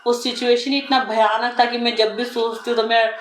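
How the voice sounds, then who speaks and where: A woman's voice: fairly high pitch, flat delivery, brisk. Woman recounting an ordeal in a roomy space. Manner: earnest, vivid retelling with quoted dialogue. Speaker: interview guest. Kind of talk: personal account in an interview. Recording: roomy with faint background noise.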